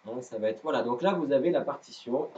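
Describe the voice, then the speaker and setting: A man's voice: mid-range voice, fast talker, warm tone, muffled recording, a little hiss or hum. A man with a non-native French accent teaching a live guitar lesson, hesitant and self-deprecating with many fillers. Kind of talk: live-streamed music lesson.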